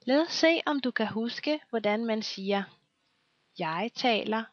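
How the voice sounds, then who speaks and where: A woman teaching a scripted language lesson, slowly and patiently quizzing the listener and pausing for answers. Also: a little high, dry recording. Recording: dull lo-fi, dry recording.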